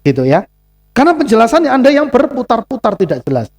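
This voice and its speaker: Male pastor, Javanese accent, lively sermon delivery, pitch swinging widely. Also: fast. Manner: animated, acts out dialogues with Javanese asides. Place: congregation church.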